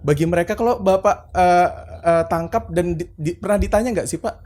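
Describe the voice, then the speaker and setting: A man's voice: high voice, moderate pace, a little mellow. A man with an Indonesian accent hosting a podcast, asking casual questions and often murmuring agreement. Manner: chatty, lots of backchannel agreement. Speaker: podcast host. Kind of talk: casual interview.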